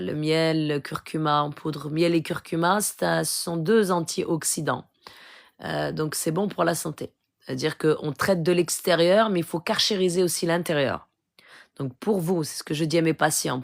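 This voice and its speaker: A woman, speaking in a low voice on a live stream. She gives earnest spiritual advice as a healer, pressing her listeners to act. She recites each phrase slowly and deliberately, with a gravelly edge.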